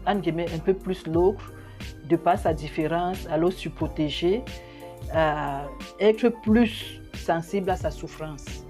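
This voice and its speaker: A woman's voice: on the low side, slow, loud music behind the voice. A woman, a mother and association president, speaking earnestly and reflectively in a documentary interview.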